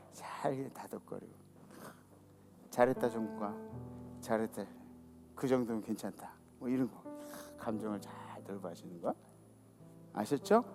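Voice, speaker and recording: Animated preaching Korean pastor, gravelly voice. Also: male voice. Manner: lively preaching, calls for audience response; drops to soft, low asides. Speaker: senior pastor. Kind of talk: sermon. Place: church sanctuary.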